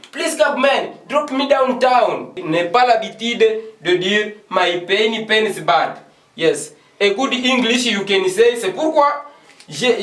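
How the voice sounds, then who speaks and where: A man teaching English in a classroom, repeating example phrases slowly and switching between French and English. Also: high-pitched, fairly bright tone. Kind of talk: classroom lesson at a board. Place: classroom with a board. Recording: echoey room, voice from far off.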